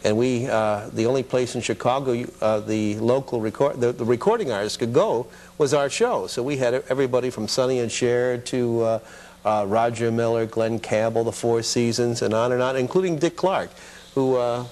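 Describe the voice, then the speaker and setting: Speaking at a moderate pace in a mid-range, darkish voice, a mature American former children's TV producer and puppeteer sits as an interview guest in a TV studio. He reminisces in a casual way.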